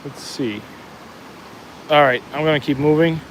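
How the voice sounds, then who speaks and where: A man with a New Jersey accent fishes outdoors on a livestream, walking the bank as he casually replies to viewer comments, often restarting his sentences. His voice is fairly high and a little slow; the recording is rough, with some hiss or hum.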